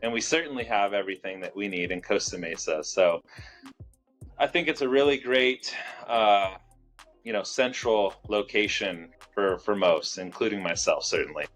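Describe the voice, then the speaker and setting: A man with a fairly low voice talks loosely and easily as an interview guest, leaning on fillers as he goes. Faint music sits under his voice. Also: moderate pace. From Southern California. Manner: relaxed, many fillers. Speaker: fitness studio owner, guest. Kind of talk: casual interview.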